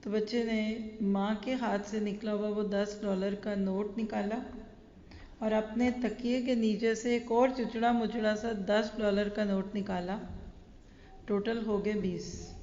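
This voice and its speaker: A woman's voice: mid-range voice, level tone, mellow. Brief: a woman religious teacher lecturing earnestly, with a long hall echo and a dull, muffled sound. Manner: earnest, storytelling, addresses listeners directly. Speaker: Islamic teacher.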